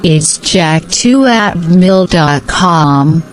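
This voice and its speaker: A woman giving slow, scripted answers in a repeated language-practice dialogue. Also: on the low side, animated, a little hiss or hum, poor audio.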